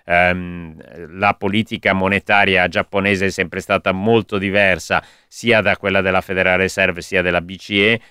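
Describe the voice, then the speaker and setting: A man giving live economic commentary on a radio show in an explanatory, measured way. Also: low-pitched, level tone, sharp tone, smooth, no room sound, clean studio sound.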